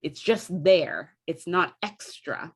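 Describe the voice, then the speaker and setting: A woman with an American Midwestern accent and a fairly low, expressive, slightly breathy voice speaks slowly. A theatre company member, she chats casually about her dialect training and her craft, demonstrating vowel sounds as she explains.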